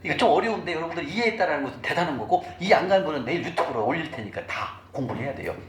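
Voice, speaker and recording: A man's voice: on the high side, expressive, very fast. A middle-aged man giving a church finance lecture. He talks sermon-style and keeps asking the audience questions. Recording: echoey room recording with faint noise.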